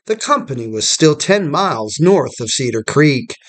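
A man with a somewhat higher-than-usual voice reads a scripted history documentary. He narrates in a measured, storytelling manner, with the even pacing of a prepared script.

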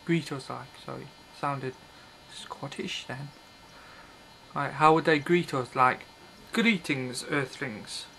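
A thirtysomething man vlogs from a small indoor bedroom with red curtains, rambling offhandedly and bluntly to the camera and often leaving thoughts unfinished. His medium-pitched voice is slow, pushed and bright, with vocal fry. The recording, made on the built-in webcam mic, is low quality with a little hiss or hum.

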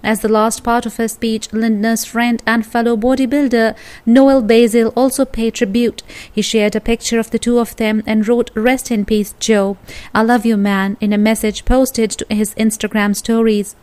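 A woman hosting a news channel, reading a scripted report in a steady read-aloud way. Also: on the high side, moderate pace, smooth.

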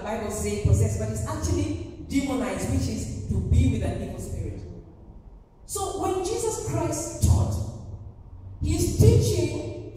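A woman pastor preaching a sermon emphatically, acting out quoted voices with big jumps in pitch. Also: warm tone, slight background noise. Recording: echoey hall from far off.

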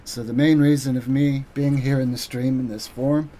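A man giving an earnest, halting thank-you speech on his live stream, pausing often with ums. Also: medium pitch, steady tone, dark tone, slight background noise. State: getting emotional.

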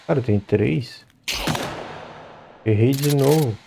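A man chatting to himself while playing a game, shouting in the fights. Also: mid-range voice, takes it slowly, gravelly, noisy background. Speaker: gameplay commentator. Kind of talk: let's play commentary.

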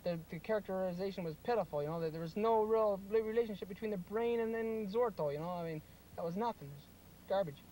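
Grumpy, high-voiced film critic played by a man. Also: fast, dark tone, close to an everyday voice. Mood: scornful. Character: dismissive, grumpy male TV film critic, parody. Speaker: co-host. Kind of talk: mock movie-review show banter. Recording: noisy home video in parked car.

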